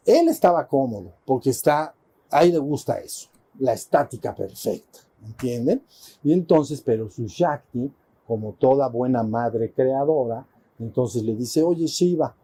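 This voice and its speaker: A man's voice: mid-range voice, warm tone, a little hiss or hum. A man, a spiritual teacher telling a playful, colloquial story to a retreat group.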